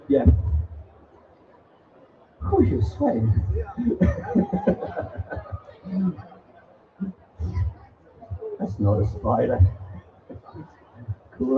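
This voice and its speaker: A high-voiced man cracks jokes and teases children in the crowd as he shows off spiders at a live indoor bug show. He is picked up from some distance by a muffled mic, with a faint hum of room noise underneath. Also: gravelly. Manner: jokey, teasing banter with the crowd. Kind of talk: live show talk to a family audience. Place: indoor event hall.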